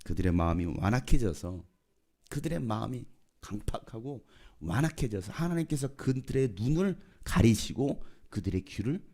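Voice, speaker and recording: A man's voice: mid-range voice, warm tone. A man preaching as pastor, often questioning the congregation and repeating their answers. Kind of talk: sermon.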